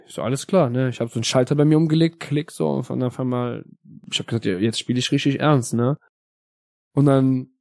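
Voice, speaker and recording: Male podcast host, jokey storyteller, slightly high voice, dry sound. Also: mellow, dry recording. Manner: joking storyteller, tags lines with "ne?". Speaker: podcast host asking questions. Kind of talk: casual podcast chat.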